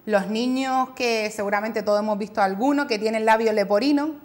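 On a talk show, a woman with a Canary Islands Spanish accent speaks as a speech therapist, explaining disorders patiently and clearly. Her voice sits a little high and moves a little fast, and she sometimes mimics how children mispronounce words.

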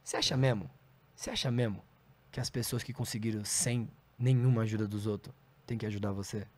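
A comedian guest on a casual podcast tells blunt, heated, profanity-filled stories. His voice is on the low side, steady and a little mellow, and he speaks fairly quickly.

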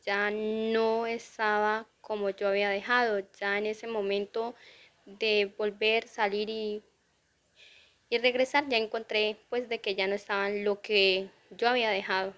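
Outdoors near a drainage channel, a woman interviewed for a local news report indignantly recounts the burglary of her home, repeating her complaint. Her voice is medium-pitched and a bit bright, with a level tone and moderate pace.

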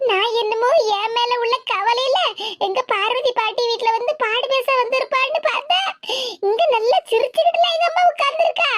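A woman's voice: extremely high pitch, a little fast, a bit bright, a little hiss or hum. A woman voicing a dramatic, self-pitying grown daughter in a cartoon, with a Tirunelveli accent and a complaining manner. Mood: indignant. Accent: Tirunelveli Tamil. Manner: complaining, theatrical. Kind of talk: cartoon voice acting.

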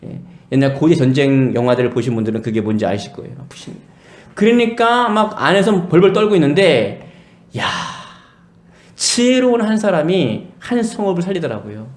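A male pastor tells a Bible story from the pulpit and slips into the voices of the people in it. His voice sits a little high and swoops up and down with lively energy. The sound carries through the echoey hall of a church. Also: normal speed. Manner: storytelling, acting out voices of biblical figures. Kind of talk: sermon. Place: church sanctuary.

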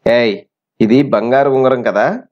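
A man voicing a boastful, threatening schoolboy bully with a rough, demanding manner. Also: mid-range voice, unhurried, lightly acted. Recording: slightly muffled recording.

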